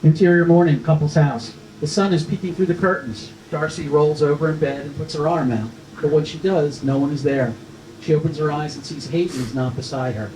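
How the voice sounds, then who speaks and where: At a screenplay table read, a man reads the stage directions as scripted narration in a voice on the high side, brisk and a little mellow. The mic is distant, the sound roomy, with faint noise.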